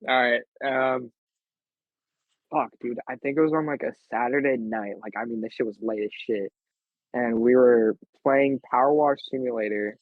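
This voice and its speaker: A man's voice: medium pitch, fairly even intonation, moderate pace, dry recording. A man co-hosts a casual podcast and tells crude, rambling stories. His voice comes through tinny and dry, like a phone-quality voice chat with no room sound. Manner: crude, profane, rambling storyteller. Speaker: podcast co-host.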